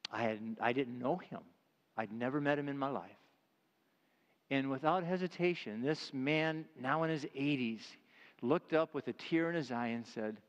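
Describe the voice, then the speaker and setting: A middle-aged male pastor preaching a sermon with emphasis, who drops to a hush when he retells tender moments. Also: mid-range voice, big-room sound, muffled recording. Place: church sanctuary.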